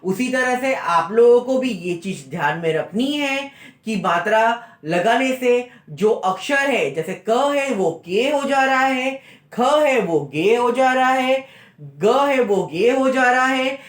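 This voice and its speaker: A man's voice: very high voice, animated, takes it slowly, a bit bright. A man teaches a recorded lesson for small children, taking his time and drawing out each sound. He repeats the letters one by one with patient care. His voice carries a roomy echo from the space he records in. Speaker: school teacher.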